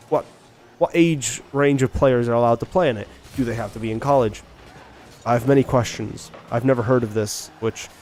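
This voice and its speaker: With a mid-range, slightly mellow voice, a young man from Ireland thinks aloud on his game stream, chatting casually, restarting and asking questions. There's slight background noise along with faint beats.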